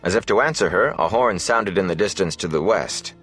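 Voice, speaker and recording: A deep-voiced man reads a fantasy novel aloud in a brisk, scripted audiobook style, with soft music faintly underneath.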